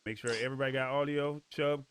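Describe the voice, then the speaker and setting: A man's voice: medium pitch, steady tone, fast, a bit bright, clear, resonant tone. A man producing an online show, talking in an easygoing, organizing way over a video call. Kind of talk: casual chat.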